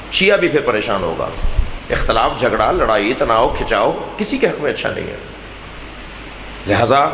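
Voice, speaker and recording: Man preaching, Pakistani Urdu accent, bright high voice, oratorical, big reverberant hall. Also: a little hiss or hum. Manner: oratorical, rising to loud declamation then dropping low. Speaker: Shia cleric addressing a majlis. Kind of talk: impassioned sermon. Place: large imambargah hall. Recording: echoey hall with long reverb.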